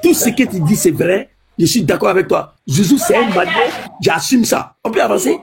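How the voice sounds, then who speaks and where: A man's voice: sits high, lively intonation, fairly quick, creaky, crowd noise. A man on a live-streamed panel, pleading to move the debate along. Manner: pleading, tries to move the talk on.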